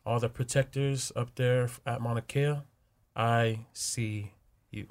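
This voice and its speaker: A man co-hosting a casual talk show, relaxed and slangy, laughing easily. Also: medium pitch, a little slow. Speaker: radio show co-host. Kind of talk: casual radio chat.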